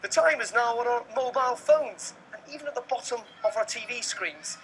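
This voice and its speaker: A man's voice: extremely high pitch, animated, fairly quick, a bit bright, slight background noise, low-quality recording. A man with a British accent narrating a scripted television news report as the reporter.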